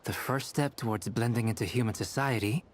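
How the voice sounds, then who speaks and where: A man's voice: medium pitch, a little hiss or hum, lightly acted. Casting: male actor as composed young alchemist for a game, analytical, precise, polite. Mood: calm, curious. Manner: measured, courteous, precise. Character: calm, scholarly young alchemist, courteous and analytical. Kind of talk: video game voice acting.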